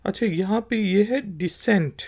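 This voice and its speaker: A teacher from Pakistan patiently runs through a language lesson, spelling every word letter by letter and repeating it. The medium-pitched voice is unhurried, slightly mellow and husky.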